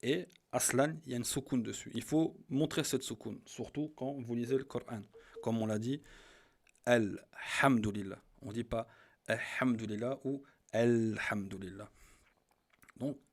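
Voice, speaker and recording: A man teaching Arabic grammar in a voice, patiently repeating each example word slowly and stressing it. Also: medium pitch, steady tone, creaky, a little mellow. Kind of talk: grammar lesson.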